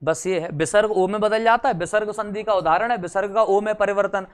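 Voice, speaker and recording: Brief: young male teacher, smooth resonant tone, teasing classroom chat, quizzes the class. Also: high-pitched, steady tone, brisk. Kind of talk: exam-prep lecture.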